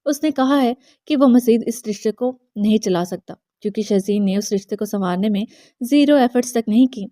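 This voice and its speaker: A woman's voice: on the high side, warm tone, no room sound, studio quality. A woman narrating a romance novel aloud, reading every character's dialogue herself with light voicing. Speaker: audiobook narrator.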